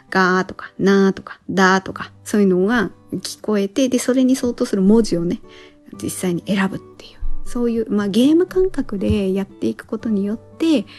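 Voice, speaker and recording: A woman hosting a solo podcast, talking casually and thinking aloud with frequent pauses. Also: on the high side, gravelly. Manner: relaxed and chatty, thinks aloud with many pauses. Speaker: podcast host.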